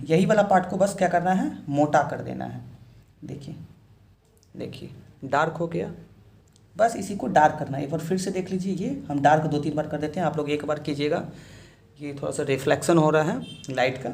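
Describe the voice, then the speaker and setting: A man, his voice sitting a little high, patiently walks students through a lesson. He repeats every step and keeps checking that they follow. The sound carries the echo of a bare room. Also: gravelly, a little mellow. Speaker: shorthand teacher. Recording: echoey room.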